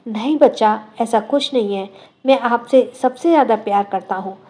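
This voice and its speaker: A woman voicing a loving middle-aged father who speaks softly and soothingly to his daughter in an audio story. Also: extremely high pitch, moderate pace. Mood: tender. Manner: soft, soothing.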